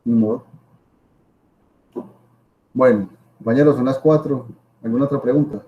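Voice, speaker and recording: A man's voice: medium pitch, normal speed, muffled recording. A man with a Colombian accent giving an informal lecture as a professor, emphatic, repeating himself and asking rhetorical questions. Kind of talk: informal spoken lecture to students.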